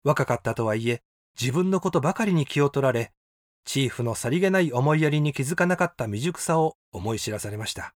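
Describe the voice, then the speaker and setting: A man in his sixties calmly reading his own personal essay aloud in a measured, reflective way. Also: mid-range voice. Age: 60s. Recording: dry close voice with faint background music.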